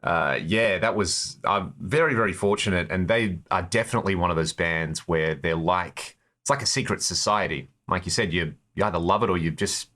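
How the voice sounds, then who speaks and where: This Australian man from Perth, a touring band's guitarist, is the guest in an interview, telling personal stories in a relaxed, chatty way. His voice sits low with a fairly bright tone, and he talks at a moderate pace with hardly any pauses.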